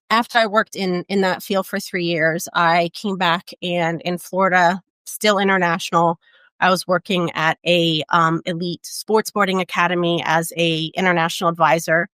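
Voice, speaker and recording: Low-voiced woman telling her story. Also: fairly bright tone, no echo. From Portugal. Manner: reflective, storytelling, frequent "um" and "right?". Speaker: interview guest, luxury travel advisor. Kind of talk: conversational interview.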